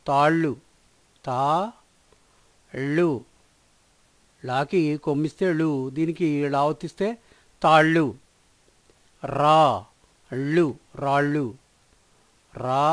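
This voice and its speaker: A man's voice: on the high side, no echo. A man with a Telugu accent teaching a children's language lesson, patiently sounding out words syllable by syllable.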